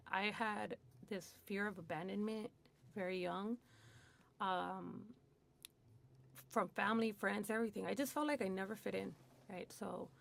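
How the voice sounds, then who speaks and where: A woman with a medium-pitched voice and some vocal fry, a guest in recovery, talks in a radio studio. She's from Hollywood, USA, and tells her story candidly and casually, chatty and laughing often, with plenty of "like" and "you know."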